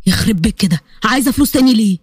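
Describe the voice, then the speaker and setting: A woman's voice: a little high, expressive, very fast, husky, dry recording, clean studio sound, voice pushed down. A woman voicing a stern young man with an Egyptian accent, exasperated and scolding his sister. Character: young adult man, stern older brother.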